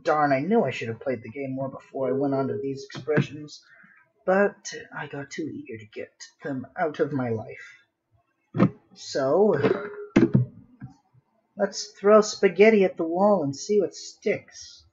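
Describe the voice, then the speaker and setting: A man mutters to himself while sketching on a live stream, thinking aloud casually and adding little sing-song filler sounds. His voice is fairly high, unhurried and somewhat dark in tone, and the audio is lo-fi.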